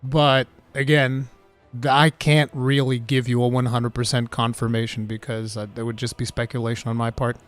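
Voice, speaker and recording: With faint music behind him, a Portuguese streamer chats casually and reads viewer questions at a moderate pace and medium pitch. His English accent sounds American, and he's excitable, often laughing and saying "dude" a lot.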